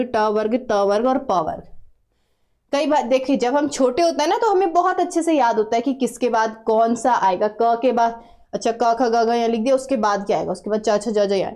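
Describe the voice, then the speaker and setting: A woman's voice: on the high side, a little mellow. A woman teaching a grammar lesson patiently, repeating sounds and asking students to try them aloud. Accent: Uttarakhand Hindi. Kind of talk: classroom lesson.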